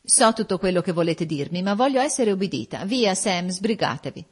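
A woman's voice: mid-range voice, lively intonation, a little fast, slightly rough, voice pushed up. A woman reading an audiobook voicing a haughty, commanding young noblewoman. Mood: imperious. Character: imperious proud young noblewoman.

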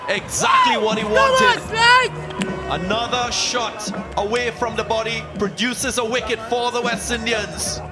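Excited high-voiced male cricket commentator. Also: unhurried. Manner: excited calls over wickets. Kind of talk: live sports commentary. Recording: loud music and crowd noise behind.

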